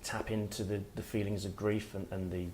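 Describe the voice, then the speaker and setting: A middle-aged man speaks at a writers' workshop in a somewhat low voice. His delivery is reflective and halting, with pauses and restarts as he works out his thoughts aloud. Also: flat delivery, darkish tone, a little hiss or hum. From Wales. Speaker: author and guest speaker. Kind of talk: workshop talk. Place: workshop room with listeners.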